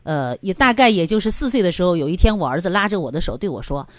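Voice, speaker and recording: A woman's voice: lowish voice, fast talker, no echo. A middle-aged woman giving parenting advice on a radio call-in show, acting out quoted dialogue. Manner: animated, acts out quoted dialogue. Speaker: parenting expert guest.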